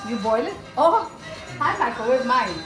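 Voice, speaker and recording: A woman's voice: on the high side, very animated, normal speed. A Trinidadian woman around sixty from southern Trinidad, chatting homely and repeating herself as she shows her cooking. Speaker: home cook. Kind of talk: casual cooking demonstration. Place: home kitchen. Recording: echoey kitchen with music behind.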